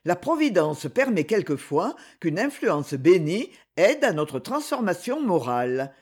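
A reader voicing Lord Gérald, a proud and gallant young nobleman, speaking in a courteous, measured way in a storybook reading. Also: medium pitch, very animated, slightly rough. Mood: reassuring.

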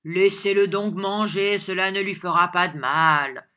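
A woman's voice: fairly low pitch, fairly even intonation, measured pace. A woman voicing a bluff, hot-tempered honest country man who blusters and defies his opponent in a storybook reading. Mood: jovial. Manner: loud, blustering and defiant.

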